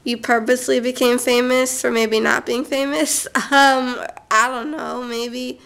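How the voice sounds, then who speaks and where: Speaking into her camera's built-in mic, this young woman rambles casually through a vlog, drifting into tangents and leaning on lots of fillers. Her voice is fairly high, a bit bright, clear, and resonant.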